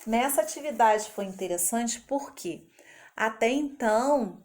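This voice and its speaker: Slow, careful woman teacher. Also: a little high, expressive, darkish tone. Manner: slow, careful syllable-by-syllable explanation. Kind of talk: recorded literacy lesson for teachers.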